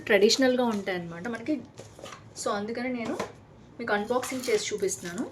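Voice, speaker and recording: Fast-talking chatty Telugu woman vlogger. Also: on the high side, a little hiss or hum. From Hyderabad, India. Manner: chatty, enthusiastic, mixes English words into Telugu. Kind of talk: casual product unboxing vlog.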